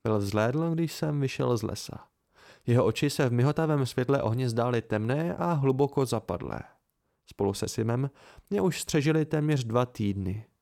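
A man reading fiction aloud for an amateur audiobook, telling it steadily in first person. His mid-pitched voice carries a strong gravelly fry. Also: expressive, warm tone. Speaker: audiobook reader.

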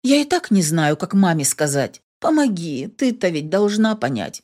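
A woman's voice: on the low side, big pitch swings, moderate pace, darkish tone. A woman reading an audiobook, voicing a pleading, defiant young girl.

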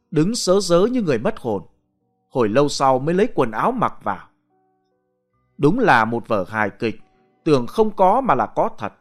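A man narrating a ghost story aloud in a dramatic, expressive way. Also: mid-range voice.

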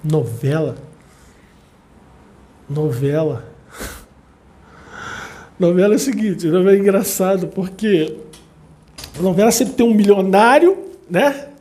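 Speaking slowly and pausing often, a high-voiced man with a Brazilian accent gives an audience a relaxed, chatty talk. He repeats himself for emphasis and throws in animated asides.

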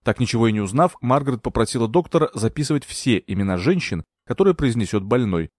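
A man reading a novel aloud as a narrator, expressive and dramatic. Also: medium pitch, fast, no echo, clean studio sound. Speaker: audiobook narrator. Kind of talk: scripted narration.

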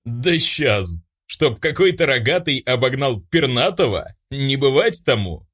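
Man voicing a pompous angel, preachy, animated delivery. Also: mid-range voice, unhurried, husky. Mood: hasty. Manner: preachy, lofty. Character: pompous male angel, self-righteous. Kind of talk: audiobook character voice.

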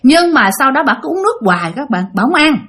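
A woman with a Southern Vietnamese accent telling a ghost story in a loose, conversational way, full of fillers and asides to her listeners. Her voice sits fairly high and moves lively up and down. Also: fast. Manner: animated, conversational, many fillers.

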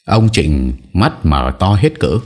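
A man narrates an audio story in a dramatic storytelling style. His voice is deep and husky, and his intonation is lively, rising and falling across each line. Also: slow pace.

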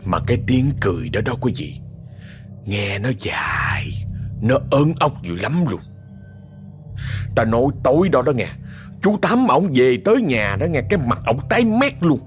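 A man with a Southern Vietnamese accent spins a ghost story, chatty and dramatic, his pitch swinging up and down as he talks straight to his listeners. Soft music plays underneath him. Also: very animated, moderate pace. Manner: chatty, dramatic, addresses the audience often.

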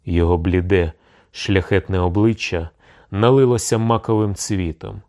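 A man narrating an audiobook in a slow, measured storytelling manner. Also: low-pitched, darkish tone.

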